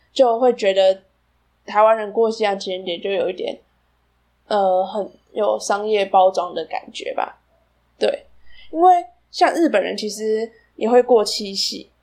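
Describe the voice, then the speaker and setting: A woman's voice: medium pitch, a little mellow. Female podcast host, Taiwanese Mandarin accent, casual rambling delivery, slightly unclear diction from dental braces. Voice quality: slightly slurred articulation from wearing braces.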